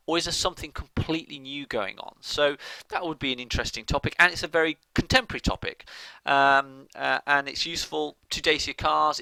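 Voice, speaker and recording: Male lecturer, very bright tone, dry close sound, explanatory with frequent restarts. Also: a little high, gravelly, dry recording, low-quality recording. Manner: explanatory, repeats and restarts phrases, checks with "okay?". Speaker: college lecturer. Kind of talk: recorded lecture.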